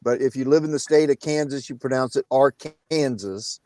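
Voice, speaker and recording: A man's voice: mid-range voice, level tone, fast talker, mellow. A man in his fifties, a college basketball coach, answering interview questions casually over a video call, with many fillers. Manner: many uh fillers, plain-spoken.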